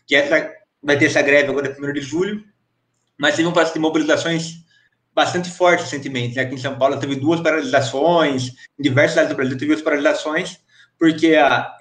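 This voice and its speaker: A young man with a Brazilian accent and a fairly high voice speaks hesitantly, full of restarts and fillers. His audio comes through a remote call that keeps glitching and dropping out. The sound is roomy and echoey. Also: fairly bright tone. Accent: Brazilian Portuguese. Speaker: guest researcher. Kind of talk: interview answers. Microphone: remote call connection.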